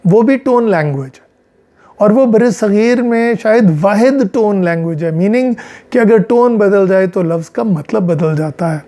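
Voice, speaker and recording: A man with a Pakistani Punjabi accent delivers a measured psychology lecture, slipping in English phrases as he explains. His voice sits high for a man but sounds dark and mellow. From central Punjab, Pakistan.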